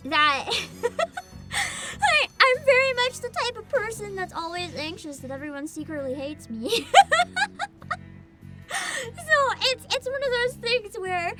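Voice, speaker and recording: A woman's voice: very high voice, slow, loud music behind the voice. A woman streaming a story game, switching between giggly casual commentary and reading narration aloud. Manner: animated, giggly.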